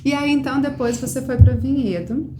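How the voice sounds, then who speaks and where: A woman's voice: sits high, brisk. A woman hosting a podcast interview, asking questions and affirming often. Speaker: podcast host. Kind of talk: casual interview. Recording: roomy with clear background noise.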